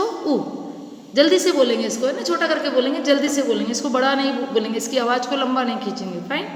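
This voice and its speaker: High-voiced teacher coaxing young children. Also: female voice, echoey room, big-room sound. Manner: patient, repetitive, asks and answers own questions. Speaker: nursery teacher.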